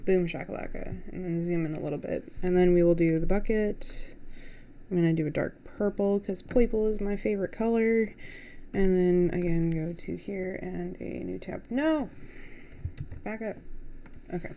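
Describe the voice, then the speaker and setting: Young woman, slightly low voice, gravelly edge, chatty rambling stream talk. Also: fairly even intonation, moderate pace, dark tone. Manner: rambling, chatty, talks to herself as she works. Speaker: artist live-streaming a drawing. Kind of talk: casual live-stream chat while drawing.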